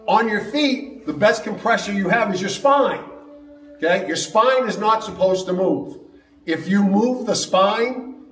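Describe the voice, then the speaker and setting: A man's voice: high voice, a bit bright, recorded from a distance. A man teaching a martial arts seminar, upbeat and jokey, checking in with the class with "all right?" after nearly every point. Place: large training hall. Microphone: camera mic from a distance. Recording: echoey hall recorded from afar.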